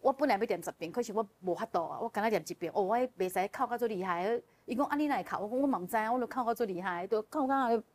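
A woman as a guest telling a personal story in casual chat, animated and often laughing as she relives the emotion. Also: mid-range voice, racing, hardly any pauses. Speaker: guest sharing a personal testimony.

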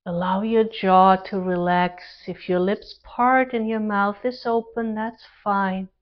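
In a mid-range voice, a female instructor leads a guided relaxation session, offering soft, soothing directions in brief phrases with pauses in between. The audio is dull.

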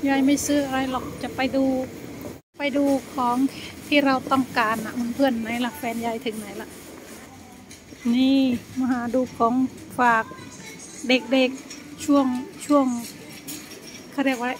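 A woman's voice: high voice, steady tone, a little slow, long pauses. An older woman from Thailand chatting casually to friends as she vlogs on the move, rambling and thinking aloud into a handheld phone. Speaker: vlogger. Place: on the move in a car, shops and town streets. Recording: clear car and ambient noise.

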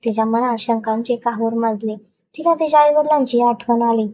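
A woman narrating a dramatic love story in a steady, even reading style. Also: on the high side, fairly quick.

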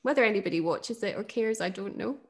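A middle-aged woman with a Northern English accent talks about poetry in a relaxed conversation. She is thoughtful and enthusiastic, with a medium voice, little fillers and soft laughs. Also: medium pitch, quick pace. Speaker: podcast host.

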